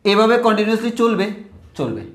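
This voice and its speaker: High-voiced man teaching math in an echoey room. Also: big pitch swings. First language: Bengali. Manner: addresses students as brothers, repeats phrases, slows on formulas. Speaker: math tutor. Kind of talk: whiteboard math lesson.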